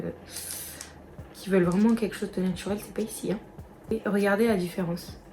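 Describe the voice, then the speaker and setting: A woman's voice: mid-range voice, darkish tone. Chatty young woman doing a makeup tutorial. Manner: chatty, addresses viewers directly. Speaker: beauty vlogger.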